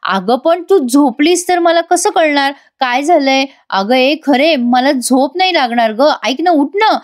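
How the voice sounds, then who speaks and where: A woman's voice: high voice, animated, measured pace, no room sound, studio quality, pitched above the performer's own voice. A woman voicing a young husband from a TV serial, sweet-talking and pleading with his wife. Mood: coaxing. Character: young husband, coaxing then baffled.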